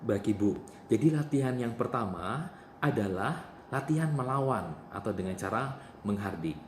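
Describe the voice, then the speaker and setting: Guy doing a nurse role-play, patient, echoes back answers, pitch bounces a lot, echoey room w faint hum. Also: lively intonation, moderate pace. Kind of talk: nursing role-play demonstration.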